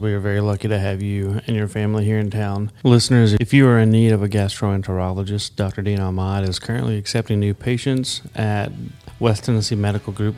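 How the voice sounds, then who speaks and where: Friendly and upbeat, a studio health podcast host interviews his guest in a lowish voice with a darkish tone.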